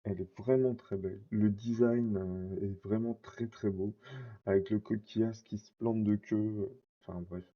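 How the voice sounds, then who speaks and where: Male vlogger, casual rambling delivery, low dark voice, slightly dull recording. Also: fairly even intonation, unhurried. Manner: rambling, many fillers and self-corrections. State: scratchy throat. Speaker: card collector vlogger. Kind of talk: casual collection showcase.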